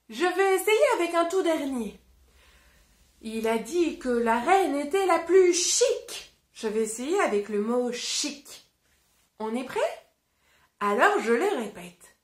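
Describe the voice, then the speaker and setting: A woman teacher with a French accent, speaking slowly and clearly as she guides children through a story and word games. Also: very high voice, reverberant. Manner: encouraging, addresses child directly; slow, clearly articulated. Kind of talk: interactive read-aloud lesson for children.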